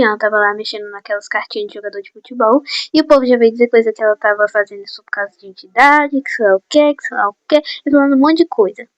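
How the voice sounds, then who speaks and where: A teenage girl telling school gossip to her viewers in a chatty, animated way, on a phone mic in a small room. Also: a little high, no echo, muffled recording. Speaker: vlogger. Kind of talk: casual gossip storytime. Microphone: phone or headset mic.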